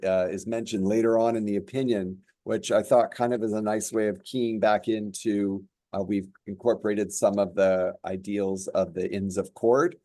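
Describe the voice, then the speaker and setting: A man who is a judge, speaking on a panel in a measured, halting way with many fillers. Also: lowish voice, mellow, no echo. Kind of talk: panel discussion remarks.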